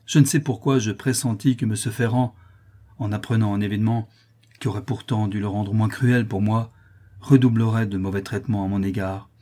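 A man reads a novel aloud in a measured, dramatic storytelling manner. His voice is lowish, dark and mellow, with a husky grain. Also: steady tone. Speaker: narrator. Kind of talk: audiobook narration.

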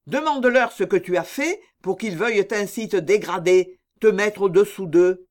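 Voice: mid-range voice, moderate pace, natural voice. A reader voicing an indignant male doctor who pleads passionately with a mother, in an audiobook reading. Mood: pleading. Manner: impassioned, pleading.

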